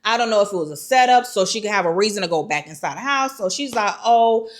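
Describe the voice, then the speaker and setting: A woman vlogger telling a personal story in lively, repetitive, slangy casual speech. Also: mid-range voice, fast. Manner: colloquial, slangy. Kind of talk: storytime vlog.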